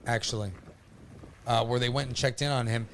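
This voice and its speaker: A man with a mid-pitched voice hosts a live weather stream. He talks casually and informally, commenting as he goes, with a halting delivery and frequent hesitations. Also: fairly even intonation, a loud crowd. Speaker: livestream host covering a hurricane.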